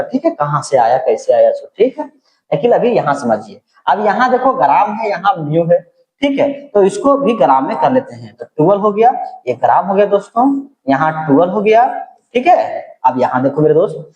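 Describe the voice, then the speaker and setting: In a room at night, a middle-aged chemistry teacher lectures casually and quietly, often checking in with "ठीक है." His fairly high voice comes through a reverberant, rough recording.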